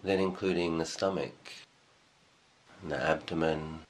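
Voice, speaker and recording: A man's low, rumbling voice guides a meditation. As the teacher, he speaks calmly and deliberately in short phrases, leaving long pauses.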